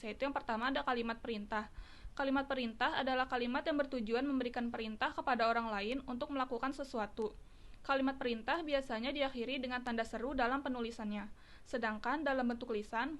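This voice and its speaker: Brief: woman student presenter, slightly high voice, steady list-like reading.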